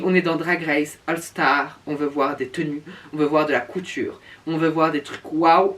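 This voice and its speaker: Picked up by a distant mic, this mid-range voice sounds bright and forceful. The reviewer reacts casually to show looks with sassy, campy drag-queen flair, drawing out words for emphasis.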